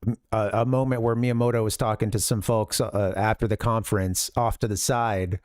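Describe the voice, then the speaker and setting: Chuckling as he rambles, a male streamer casually remarks on an old demo video, repeatedly cutting himself off and starting sentences over. His voice sits on the low side with a darkish tone, fairly even intonation and a normal speed, captured in a dry, clean studio recording.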